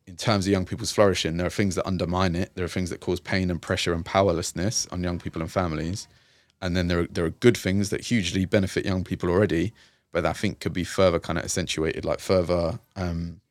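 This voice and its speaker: A man's voice: sits low, dry recording, studio quality. A man working with young people, speaking reflectively in an interview with many fillers and restarts. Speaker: youth and community worker, guest. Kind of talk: conversational interview.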